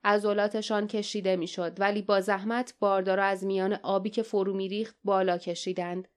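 Woman reading an adventure audiobook, steady and dramatic, really smooth clear voice. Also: mid-range voice. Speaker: audiobook narrator. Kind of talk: scripted narration.

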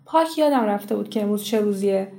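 A woman reading the part of a chatty, quick-tongued village housewife in an audiobook story. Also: mid-range voice, animated, creaky, mellow. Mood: flustered. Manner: chatty, teasing. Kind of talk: audiobook character voice.

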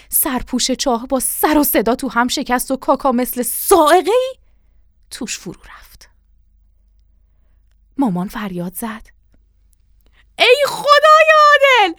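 A woman narrating a story in an expressive, animated reading style, recorded on a close studio mic. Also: fairly high pitch, dry recording.

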